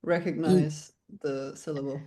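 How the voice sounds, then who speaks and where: A woman's voice: sits low, fairly even intonation, measured pace, warm tone. A woman in a research meeting asking follow-up questions as she thinks aloud.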